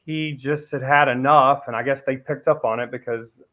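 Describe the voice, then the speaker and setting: A man's voice: medium pitch, fairly even intonation, moderate pace, bright, forceful tone, highs cut off. A man guesting on an interview, telling anecdotes in a casual, easy-laughing way. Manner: storytelling, laughs easily. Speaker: guest, real estate team leader.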